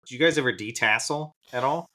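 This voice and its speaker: A man's voice: medium pitch, fast talker, pushed and bright. A man co-hosting a casual podcast chat, telling stories and joking with the others. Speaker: podcast co-host.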